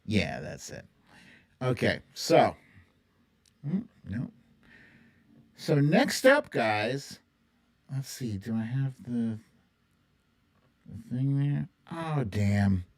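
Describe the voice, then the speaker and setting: Chatting playfully with livestream viewers, this host rambles and thinks aloud while running a casual TV theme quiz, often humming or singing the tunes. The medium-pitched voice is sing-song and a little mellow, extremely slow, with long pauses.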